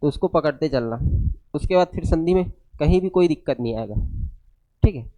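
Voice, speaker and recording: A man giving a step-by-step grammar lecture, unwell and low on energy, asking the class questions and answering them himself. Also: animated, fairly quick, mellow. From India. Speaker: grammar teacher.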